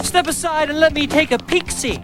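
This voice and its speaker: A very high synthetic voice as a cheerful male teacher. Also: a little fast, music in the background, close to an everyday voice. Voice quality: synthetic computer voice. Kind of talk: text-to-speech cartoon dub.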